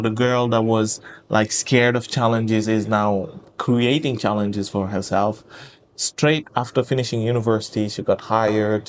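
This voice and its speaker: A man's voice: lowish voice, a little hiss or hum. A man in his twenties from Senegal, hosting a casual interview chat, often laughing and saying "yeah". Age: 20s. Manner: warm praising, laughs often, repeats "yeah". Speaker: host and project founder.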